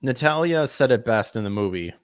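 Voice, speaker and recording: A man with a medium-pitched, animated voice talks fairly quickly, his tone clean and free of echo. Hosting a podcast, he reads news aloud and mocks it with sarcastic asides, laughing at his own jokes and tripping over words.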